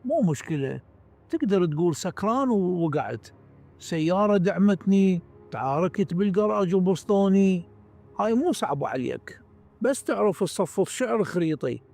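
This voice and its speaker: A man's voice: sits high, creaky, darkish tone, full character voice. Sex: man. Figure: a man reading as a sneering Iraqi security driver. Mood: mocking. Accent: Iraqi Arabic. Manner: sneering, threatening. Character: menacing male security-agent driver, mocking and threatening. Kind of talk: dramatic story reading.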